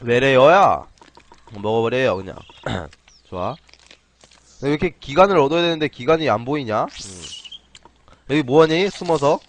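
A man casually commentating his own game play on a live stream, playful and chatty, often clearing his throat. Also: medium pitch, animated, normal speed, pauses often. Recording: faint game music behind.

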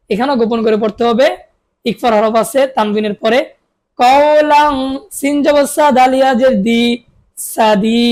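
A woman teaching Quran reading, spelling out syllables and drawing them out slowly, asking questions and answering them herself, with a Bangladeshi Bengali accent. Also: on the high side, darkish tone. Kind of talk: spelling-out recitation lesson.

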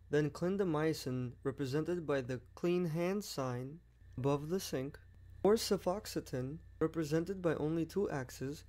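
A man's voice: on the high side, a little mellow. Friendly young man narrating a lesson. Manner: friendly, explanatory voice-over. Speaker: medical exam tutor.

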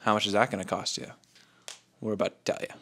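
A man's voice: on the low side, steady tone, quick pace, a bit bright, a little hiss or hum. A man in his twenties hosting a casual, joking vlog, talking straight to a handheld camera and swearing casually. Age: 20s. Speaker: vlogger and host. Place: ski hill outdoors and indoor lodge rooms. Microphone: handheld action camera at arm's length.

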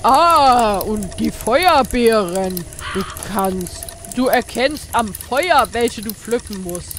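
A woman acts out a tall, theatrical skeleton gentleman from an adventure game. The kindly inventor draws out words at a slow pace, with clear noise behind. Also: fairly high pitch, expressive. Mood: eager, helpful. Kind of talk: game dialogue read aloud.

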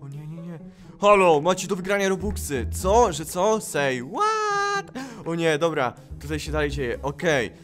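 A man giving excitable gameplay commentary, exclaiming and laughing as he reacts to the game. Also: on the high side, moderate pace, faint music behind. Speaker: gaming YouTuber.

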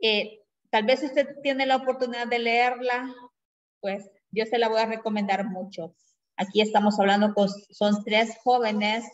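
A woman teacher giving a grammar lesson who explains patiently and keeps checking in with her class through quick tag questions. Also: on the high side, steady tone. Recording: dull lo-fi recording.

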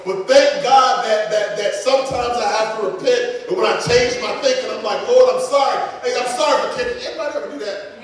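A man preaching a sermon, fervent and repetitive, with casual asides to the congregation. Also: high-pitched. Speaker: pastor. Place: church sanctuary. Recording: echoey hall from far off.

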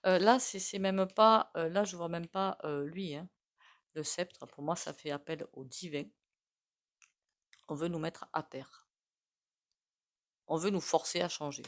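A woman's voice: lowish voice, a little slow, long pauses. A woman with an accent reading tarot cards in a casual spoken way, full of fillers and asides. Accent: non-standard French accent. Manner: chatty, many fillers and asides. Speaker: tarot reader.

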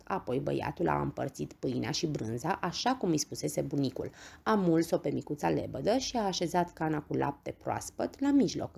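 Woman reading a bedtime story, low husky voice, bit of gravel, lots of lilt. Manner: gentle, expressive reading.

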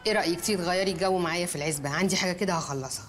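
A woman's voice: fairly low pitch, very fast, soft background music, close to an everyday voice. An actress with an Egyptian Arabic accent playing a fussy, doting middle-aged wealthy mother in a TV comedy series.

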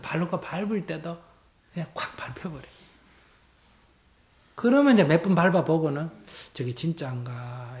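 A Buddhist monk gives a dharma talk. He is animated, swings from loud emphasis to hushed near-whispers, and asks the audience rhetorical questions. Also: on the high side. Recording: roomy hall echo.

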